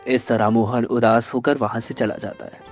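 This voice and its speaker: A man narrating a village family story in a steady, matter-of-fact way. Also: medium pitch, normal speed, over music.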